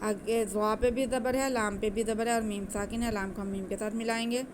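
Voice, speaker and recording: A woman teaching Quranic recitation, patiently explaining each letter and then chanting the words slowly. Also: on the high side, fairly even intonation, slight background noise.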